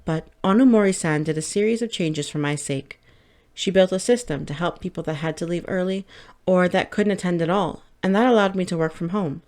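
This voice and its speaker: A woman reading a first-person light novel audiobook in a steady, measured way. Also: fairly low pitch. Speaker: audiobook narrator.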